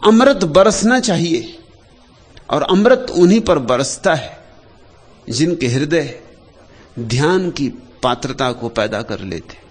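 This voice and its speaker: Man, spiritual discourse, slightly high voice, very lively pitch, slow with long pauses. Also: slightly rough. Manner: slow, unhurried delivery with long pauses and lists; rises and falls sharply between soft low phrases and loud emphatic ones. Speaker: spiritual teacher.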